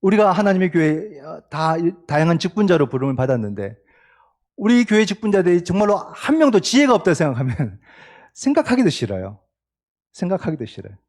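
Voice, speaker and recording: A man preaching a sermon as pastor, talking conversationally and asking the congregation rhetorical questions, swinging between loud emphatic peaks and quiet low asides. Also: very animated, brisk.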